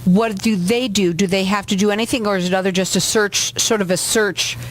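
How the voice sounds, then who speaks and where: Hoarse woman hosting a call-in radio show. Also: medium pitch, steady tone. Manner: reads out phone numbers and websites slowly. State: losing her voice, clearing throat.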